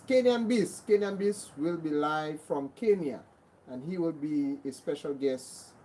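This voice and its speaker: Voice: medium pitch, darkish tone, a little hiss or hum, low-quality recording. Grenadian host greeting livestream viewers. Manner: repeats greetings, thanks viewers by name. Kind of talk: casual livestream chat.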